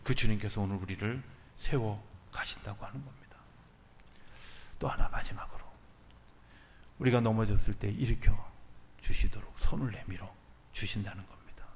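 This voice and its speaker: A man preaching a sermon as pastor, swinging from loud urging to soft near-whispers. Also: on the low side, fairly even intonation, moderate pace, long pauses, a little hiss or hum. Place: church sanctuary. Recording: church hall with long reverb.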